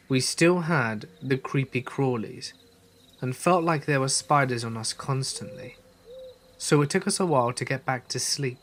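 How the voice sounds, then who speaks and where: A man reading a first-person scary story aloud in a steady, measured storytelling manner. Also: mid-range voice, slight background noise. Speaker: narrator. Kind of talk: scripted horror story narration.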